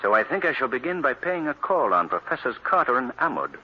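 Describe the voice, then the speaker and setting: Here the same kind of role, a determined crime fighter from a 1940s-style radio play, gets a very animated, fairly quick reading from a male actor whose medium-pitched voice has a slight roughness. The tone stays serious and thoughtful, delivered emphatically and dramatically through noisy, dull vintage radio sound.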